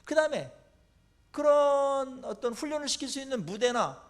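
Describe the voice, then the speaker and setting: A male pastor delivering a sermon, his pitch high and very lively. He urges loudly, then drops to quiet explanation. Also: normal speed. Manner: emphatic, swinging between loud urging and quiet explaining.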